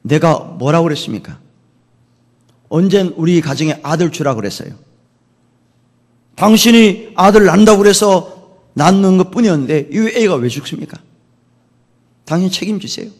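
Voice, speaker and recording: A man voicing a grieving mother who shouts accusing questions at a prophet, in a long-reverb church. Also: fairly high pitch, lively intonation, normal speed, voice pushed up.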